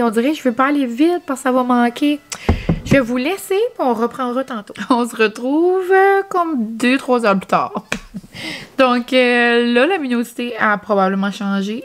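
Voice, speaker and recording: A young woman with an Acadian French accent, chatting casually in a vlog and rambling with lots of fillers. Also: a little high. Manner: chatty, rambling, many fillers and "genre, comme". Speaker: vlogger.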